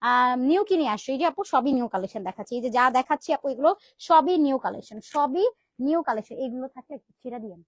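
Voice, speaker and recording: A woman's voice: high-pitched, lively intonation, fast talker, no echo. A young woman with a Bangladeshi accent presenting clothes on a live sales stream, chatty and sprinkling in English words. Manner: chatty, mixes in English words, calls viewers "sister".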